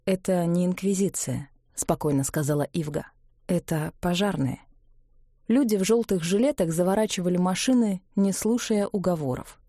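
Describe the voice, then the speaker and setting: A woman reading a fantasy audiobook in an even, expressive narration. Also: fairly low pitch, no echo, studio quality. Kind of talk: scripted narration.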